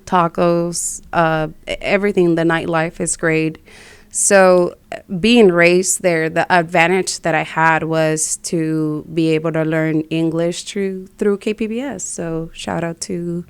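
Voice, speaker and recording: Female interview guest, smooth clear lowish voice, dry close sound. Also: steady tone, unhurried, no room sound. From Mexico (raised in Tijuana). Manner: friendly, laughs easily. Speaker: guest, business co-owner. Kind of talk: casual interview chat.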